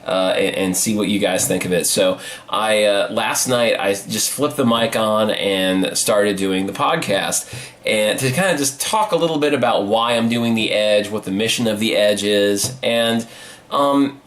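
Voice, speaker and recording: Low-voiced man chatting casually and haltingly. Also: fairly bright tone, slight background noise. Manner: informal, halting, self-deprecating. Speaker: podcast host. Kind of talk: casual behind-the-scenes vlog chat. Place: hallway of an old high-ceilinged apartment.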